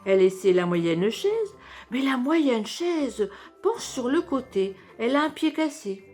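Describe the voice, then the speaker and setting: A woman reading a children's story aloud as a storyteller, slow and clearly paced. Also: on the high side, very animated, darkish tone, faint music behind.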